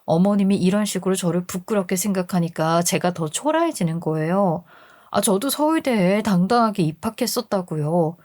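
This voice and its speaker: A woman's voice: mid-range voice, expressive, normal speed, darkish tone, no room sound, studio quality. A woman narrating a first-person family story as a scripted radio storyteller, in an aggrieved, emotional manner.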